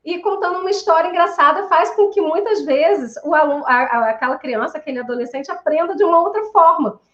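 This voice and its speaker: A woman with a high voice explains her ideas thoughtfully and often pauses. Her voice echoes in the room, and the recording is muffled and dull. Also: fairly bright tone. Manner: thoughtful, explanatory, frequent hesitations. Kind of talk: casual conversation.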